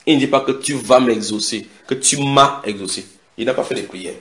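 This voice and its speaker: A man preaching a sermon, retelling scripture dramatically with sudden shouted quotes and direct questions to his listeners. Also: medium pitch, normal speed. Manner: asks the audience direct questions. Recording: echoey room.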